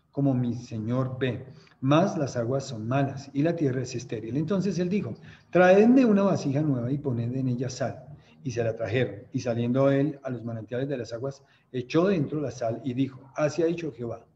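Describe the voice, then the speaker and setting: A man's voice: medium pitch, mellow, muffled recording, a little hiss or hum. A man with a Colombian accent leading a youth Bible study, reading scripture aloud and explaining it in a conversational, questioning way. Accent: Colombian Spanish. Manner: conversational teacher who checks in with listeners; mimics laughter when retelling stories.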